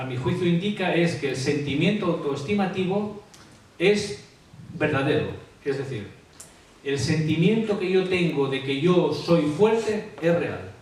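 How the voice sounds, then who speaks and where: Male expert, hesitant explainer, mid pitch, distant mic, roomy echo. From Asturias, Spain. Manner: hesitant, many fillers and tag questions. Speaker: graphologist. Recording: echoey room, off-mic, faint hiss.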